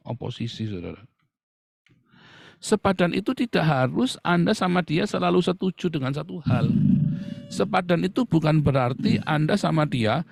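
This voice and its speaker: A man's voice: a little high, gravelly, no echo, clean studio sound. A middle-aged man preaching a sermon to his congregation, acting out playful mock quotes as he goes. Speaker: pastor.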